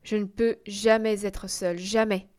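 A woman narrates a classic short story as an audiobook reader. Her delivery is measured and expressive, unhurried and clear. Her voice sits at an ordinary middle pitch.

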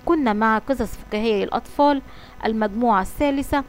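Lady reading a kids story aloud, clear and steady, fairly high voice. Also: fast talker, a little hiss or hum, rough recording. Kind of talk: scripted children's story narration.

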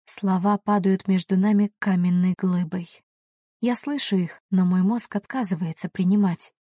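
A woman reading a first-person story aloud in a soft, emotional, measured way. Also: mid-range voice, steady tone, dry recording, clean studio sound. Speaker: audiobook narrator. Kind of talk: first-person audiobook narration.

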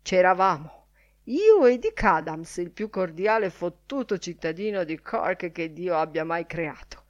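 A woman reading aloud, voicing an excitable, blustering older male newspaper editor in emphatic bursts. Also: on the low side, unhurried, highs cut off. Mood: excited.

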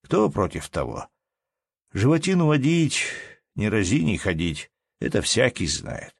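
A man's voice: fairly low pitch, wildly swooping pitch, unhurried, creaky, husky, no echo, studio quality, exaggerated voice. A man voicing a sly, glib red-bearded peasant trickster who talks in a wheedling, mock-friendly way. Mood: coaxing.

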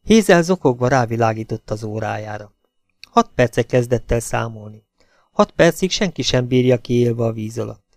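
A man reads a suspense novel aloud at a steady, measured pace. His voice has a gravelly fry at mid pitch. The recording is dry and close, with no room echo. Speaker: audiobook narrator. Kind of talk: scripted narration.

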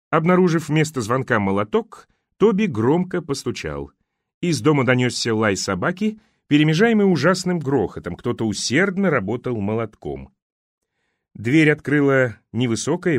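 A man reading a spy novel aloud as an audiobook narrator, with expressive, acted delivery. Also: mid-range voice, dry recording, clean studio sound. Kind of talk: scripted narration.

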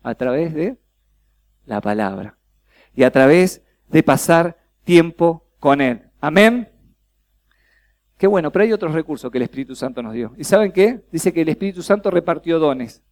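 A man with a Rioplatense Spanish accent, his voice slightly high and his pace moderate, preaches at a church youth congress workshop. He keeps the energy up by quizzing the crowd and acting out mini-dialogues.

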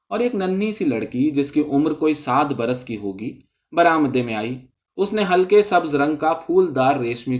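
A man calmly reading a short story aloud as narrator, in a dull lo-fi recording. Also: medium pitch.

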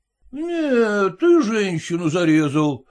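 A man's voice: high-pitched, very animated, slow pace, darkish tone, full character voice. A man voicing a group of mocking merchants who jeer at a card player in a story reading. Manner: teasing, mocking banter.

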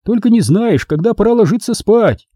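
A man's voice: high voice, lively intonation, moderate pace, dark tone, no room sound, studio quality, pitched above the performer's own voice. A man reading the part of a bossy, busy woman in an audiobook, who scolds and orders people about. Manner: scolding, commanding.

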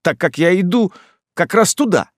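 A man doing a calm young traveller. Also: sits high, normal speed, no echo, studio quality, pitched above the performer's own voice.

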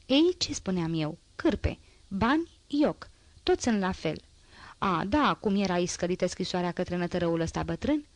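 A woman's voice: fairly low pitch, sing-song, no echo. Woman voicing a fawning old beggar-actor. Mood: sly whisper. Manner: whining, theatrical pleading. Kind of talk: audiobook character reading.

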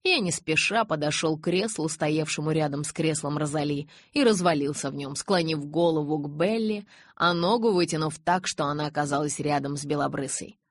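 A woman narrating a novel in the first person in an even, measured reading voice. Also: deep voice, no echo, studio quality. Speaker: audiobook reader.

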